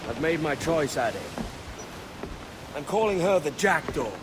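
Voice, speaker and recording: In a video game cutscene, an actor plays a brash, cocky young pirate captain with a Welsh accent, bantering wryly and using seafaring turns of phrase in an easy mood. His male voice is on the high side, expressive and a little slow. There's a noisy background.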